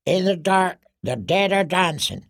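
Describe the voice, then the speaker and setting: A man's voice: high voice, sing-song, a little slow, voice pushed up, heavily acted. A man voicing a half-mad court fool who chants in a sing-song way. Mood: eerie.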